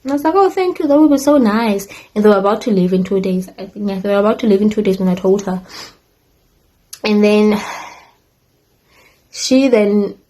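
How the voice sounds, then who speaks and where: A woman's voice: medium pitch, normal speed, pauses often, dark tone, poor audio. Chatty young woman telling a rambling story. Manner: chatty, rambling with many restarts and asides to viewers. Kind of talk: casual storytime chat.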